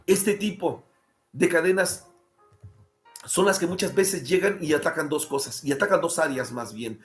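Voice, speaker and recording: A Mexican man preaches a sermon, his voice pitched high. He acts out pleading prayers and hammers on repeated lines. The sound rings around a roomy church hall. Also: normal speed, faint music behind. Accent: Mexican Spanish. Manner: preaching with dramatized pleas and repeated refrains. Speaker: pastor.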